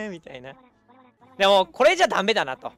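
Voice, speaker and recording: A young man chatting casually as a streamer, telling a long story in an animated way and acting out the people in it. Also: high voice, fairly quick. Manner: animated, acts out quoted people.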